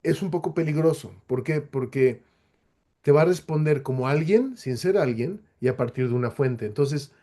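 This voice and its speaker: Male webinar guest over a video call, a fairly high but mellow voice, talks things through with lots of rhetorical asides. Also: moderate pace. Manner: explanatory, with frequent rhetorical questions and fillers. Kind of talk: answering audience questions in a webinar.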